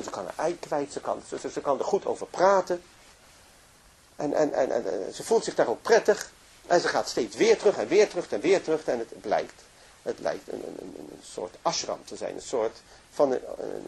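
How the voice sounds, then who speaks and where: Male religious storyteller, husky, very animated delivery, many restarts. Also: medium pitch. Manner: lively, emotive narration with frequent restarts. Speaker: religious speaker. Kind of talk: storytelling lecture.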